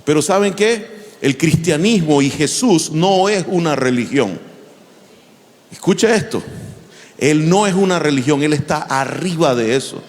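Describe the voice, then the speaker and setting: A man preaching a sermon in an animated style, with a fairly high voice. He often turns to the congregation with questions. His voice rings out with a long reverb, as if recorded in a large church hall. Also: unhurried. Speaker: pastor.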